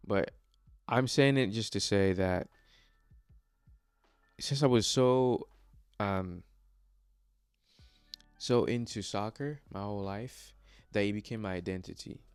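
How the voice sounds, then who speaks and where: With studio-quality sound and faint music behind, a young vlogger from the Democratic Republic of the Congo speaks slowly, with long pauses, in a fairly low, clear, resonant voice and no room sound. He isn't a native English speaker. His motivational personal vlog is earnest and hesitant, with many fillers and restarts.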